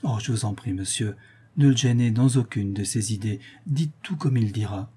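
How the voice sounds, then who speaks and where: A man voicing a sad valet who speaks quietly and sorrowfully in a classic novel reading. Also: lowish voice, normal speed, husky. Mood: hushed, sad. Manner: hushed, sorrowful. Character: sad, whispering older valet.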